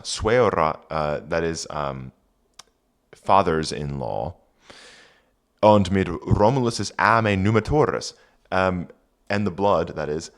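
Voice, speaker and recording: A man giving an informal lesson, reading Old English aloud with deliberate pronunciation and translating it as he teaches. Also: rumbling low.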